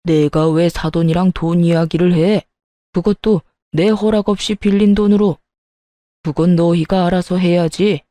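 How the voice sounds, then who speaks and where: Stubborn older father-in-law voiced by a woman, gruff and blustering, pitched lower and louder than her narration, mellow tone. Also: steady tone, moderate pace, dry recording, clean studio sound, close to an everyday voice. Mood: grumbling.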